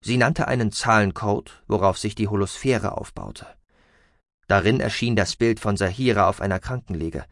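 A man narrating a science fiction audiobook in an expressive storytelling manner. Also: fairly low pitch, moderate pace, gravelly, no room sound, clean studio sound.

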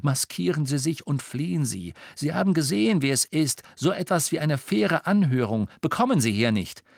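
A man voicing a teenage boy wizard who gives loud, urgent commands. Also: on the high side, lively intonation, normal speed, no room sound, clean studio sound, pitched above the performer's own voice, natural voice.

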